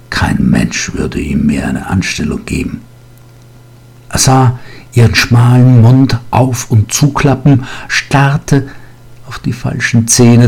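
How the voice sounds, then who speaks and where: A man narrating an audiobook story slowly and dramatically, often dropping to a whisper. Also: on the low side, creaky, a little mellow, slightly rough.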